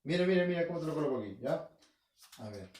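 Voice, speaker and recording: A male teacher with a Peruvian Arequipa accent talks high and swings his pitch widely. He keeps posing questions to himself and hammering home key terms. The sound is roomy and echoey, with his voice coming from well away from the mic. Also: lively intonation, quick pace, darkish tone. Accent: Peruvian Spanish, Arequipa. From Peru. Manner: asks himself questions and answers them, repeats key terms, checks in with "¿ya?". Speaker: school language teacher. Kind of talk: recorded home-learning class. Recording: roomy echo, voice from far off the mic.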